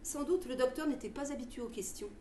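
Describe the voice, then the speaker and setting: High-pitched woman narrating theatrically in a roomy space. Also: quick pace, mellow. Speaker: storyteller, stage performer. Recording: roomy with faint background noise.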